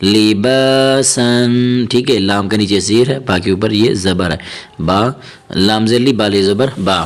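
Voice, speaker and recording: Patient man teaching syllable-by-syllable recitation. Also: fairly low pitch. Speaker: Quran reading teacher. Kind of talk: spelling-out recitation lesson.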